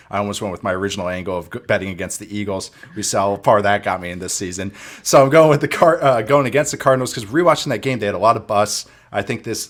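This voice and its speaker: A man casually talking through his football pick on a podcast, relaxed and self-deprecating. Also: lowish voice. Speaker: football analyst.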